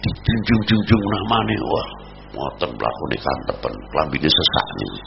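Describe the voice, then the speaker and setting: A man with a Javanese accent preaching a sermon, swinging between loud exhortation and low murmurs. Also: very animated, measured pace, gravelly. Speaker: Islamic preacher. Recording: dull lo-fi recording with noise.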